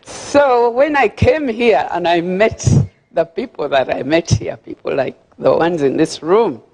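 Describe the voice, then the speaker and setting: A woman's voice: fairly low pitch, lively intonation, unhurried, darkish tone. An older woman with a Ugandan accent gives a speech at a gala, chatty and friendly, often repeating words as she searches for the next one. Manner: chatty, repeats words while searching for them, laughs at her own remarks. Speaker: guest speaker at a gala. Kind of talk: formal speech with friendly asides. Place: large banquet hall. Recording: long hall reverb.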